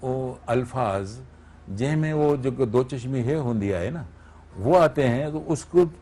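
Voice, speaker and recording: A man's voice: mid-range voice, expressive, unhurried, warm tone. A man, a radio voice artist, explaining his craft step by step as a guest on a TV morning show and checking that he is understood. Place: TV studio.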